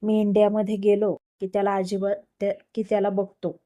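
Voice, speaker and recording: A woman's voice: mid-range voice, monotone, brisk, warm tone, lightly acted. Woman reading as a stern worried father. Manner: stern, scolding. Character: worried strict wealthy father, middle-aged man.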